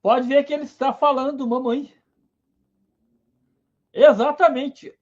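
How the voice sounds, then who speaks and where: A man's voice: very high-pitched, steady tone, slow pace, a little mellow. A man hosting a casual live science stream, enthusiastic, greeting viewers by name. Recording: dull lo-fi stream audio.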